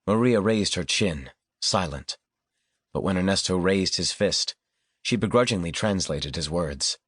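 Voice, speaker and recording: Man, audiobook narrator, grave, steady, husky, dry close sound. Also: deep voice, measured pace, dry recording. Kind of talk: scripted narration.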